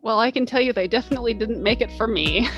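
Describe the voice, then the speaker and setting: A woman's voice: a little high, quick pace, lo-fi sound, music in the background. A woman co-hosting a book podcast, chatting casually in a wry, informal way. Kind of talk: casual chat.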